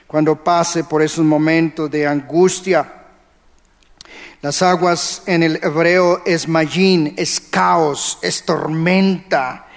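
A man's voice: fairly high pitch, in a large hall. A male pastor, preaching a sermon emphatically and asking the congregation questions. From Colombia. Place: church.

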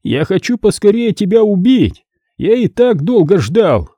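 A man voicing a vengeful male killer who taunts his victim in a slow, drawn-out, menacing way. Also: high voice, big pitch swings, mellow, no room sound, pitched above the performer's own voice, heavily acted.

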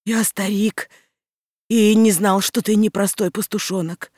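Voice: medium pitch, steady tone, a little slow, darkish tone, no room sound, studio quality, pitched above the performer's own voice, natural voice. A reader voicing a frightened old hunter, pleading. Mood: fearful pleading. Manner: pleading hoarse whisper.

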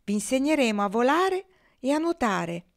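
Woman voicing wild geese, teasing, playful, mocking, high bright calls, storybook reading. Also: very animated, normal speed.

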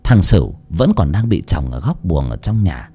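Narrator: man, dramatic horror storytelling, animated delivery. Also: deep voice, moderate pace, husky. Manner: dramatic, voicing characters.

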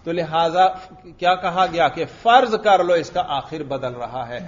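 A man teaching grammar in a classroom lecture. He keeps asking his students questions, answers them himself, and slowly chants example phrases. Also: fairly high pitch. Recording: dull lo-fi recording.

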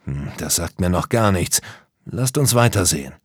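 A man voicing a clever, thoughtful little storybook hero who speaks slowly. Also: low-pitched, lively intonation, breathy edge, dry recording, clean studio sound. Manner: slow and thoughtful. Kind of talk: storybook character voice.

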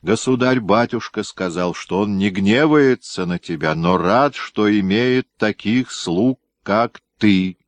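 A man's voice: lowish voice, slow, hardly any pauses, no echo. A man voicing Ignatiy, a sturdy, devoted young guardsman speaking eagerly in a storybook reading.

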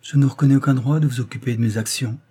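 A man reading aloud voices a proud, defiant young wife, raising his voice higher and speaking with haughty indignation. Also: fairly even intonation, quick pace, mellow, husky, lightly acted. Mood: indignant.

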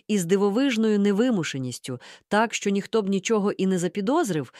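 A woman reading a story aloud in the first person, with lively, expressive narration into a close mic. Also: mid-range voice, no echo. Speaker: audiobook reader.

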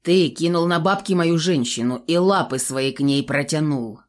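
A woman's voice: deep voice, close to an everyday voice. A woman doing a cold, menacing tough guy. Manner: slow, cold, threatening. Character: tough young man, menacing, blunt and coarse.

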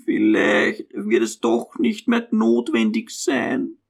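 A man's voice: extremely high pitch, steady tone, slow, gravelly, a bit bright, pitched above the performer's own voice, full character voice. Man doing a timid frail old mother. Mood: timid anxious. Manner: hesitant, anxious and plaintive.

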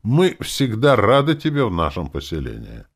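A man's voice: on the low side, wildly swooping pitch, moderate pace, husky, voice pushed up, full character voice. A man voicing a formal, ceremonious male elf druid elder. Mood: solemn.

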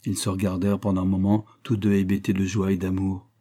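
A man narrating a classic novel as an audiobook in a measured storytelling manner. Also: deep voice, monotone, dark tone.

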